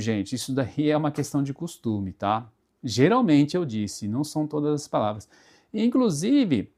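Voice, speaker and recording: A man with a Brazilian Portuguese accent giving a casual spoken pronunciation lesson, explaining patiently with repeated examples and frequent checks like "right?". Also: fairly high pitch. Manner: explains slowly with many tag questions and repeated examples. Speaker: Portuguese teacher.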